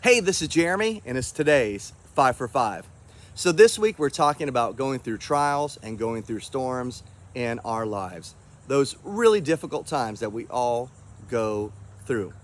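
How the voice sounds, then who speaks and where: A man's voice: medium pitch, expressive, a little slow. A man giving a short, earnest devotional talk as a pastor, reading scripture aloud and encouraging listeners.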